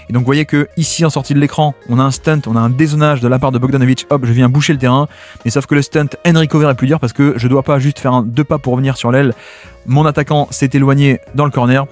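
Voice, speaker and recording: A man's voice: medium pitch, a little mellow. A man explaining basketball tactics over game footage, talking in the first person as the players and dropping in "hein" and "hop". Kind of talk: video breakdown commentary over game footage.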